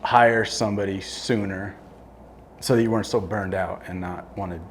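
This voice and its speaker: Answering questions on stage as a guest, a middle-aged construction company owner speaks bluntly and plainly, restarting mid-sentence, in an event room with an audience. His voice is fairly low with fairly even intonation and a moderate pace, and there's a little hiss or hum.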